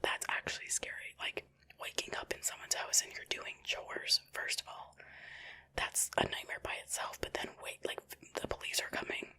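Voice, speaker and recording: Female ASMR host, crisp bright whisper, casual chatty reactions throughout. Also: normal speed, low-quality recording. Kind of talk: whispered ASMR reading and chat.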